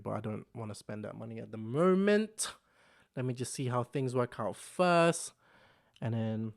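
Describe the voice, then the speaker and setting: Gravelly and darkish, his medium-pitched voice carries a casual solo vlog captured on a camera mic. The host is a young man from the Philippines who grew up in London from his teens. He tends to ramble, repeat himself, and use "you know what I'm saying" a lot.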